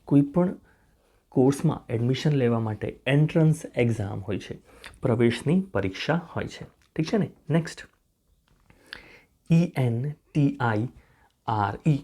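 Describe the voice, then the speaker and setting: Slow, mellow-voiced male English teacher. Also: mid-range voice. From India. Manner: spells words out letter by letter and repeats pronunciations slowly; keeps asking a rising "okay?" check to the viewer. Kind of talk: spoken English lesson.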